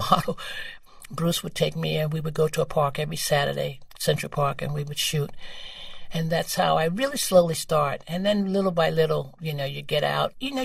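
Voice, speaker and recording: An older woman from New York with a New York accent, telling her story as a guest in a casual interview, animated and laughing. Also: low voice, gravelly, no echo, distant mic. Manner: animated, laughing, acts out quoted voices.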